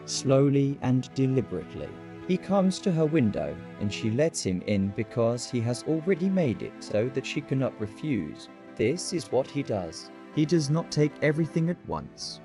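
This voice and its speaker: A man acts out a grave old vampire-hunting doctor in a horror audio drama. He is emphatic and deliberate, with a widely moving mid-pitched voice, over prominent music. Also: very animated. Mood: grim. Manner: emphatic, deliberate, repeating key words. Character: grave elderly male doctor, expert vampire hunter. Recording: loud music behind the voice.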